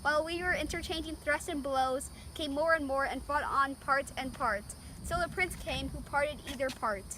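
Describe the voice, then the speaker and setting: A woman's voice: high voice, moderate pace, hardly any pauses, bright, forceful tone, rough recording. A female-sounding performer playing an earnest young peacekeeper in an amateur Shakespeare parody. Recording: faint background noise.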